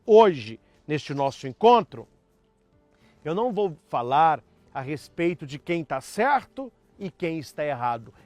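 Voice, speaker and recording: A man's voice: on the high side, a little mellow, dry recording. A man preaching as a priest, delivering an emphatic sermon with acted-out quotes. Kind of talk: sermon on marriage.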